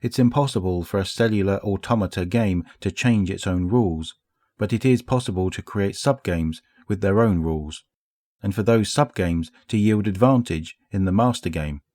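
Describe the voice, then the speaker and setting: A guarded, troubled queen who speaks in careful abstractions, from a storybook reading, voiced by a male narrator. The voice stays low and even. The recording is dry and close. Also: moderate pace, no room sound, lightly acted.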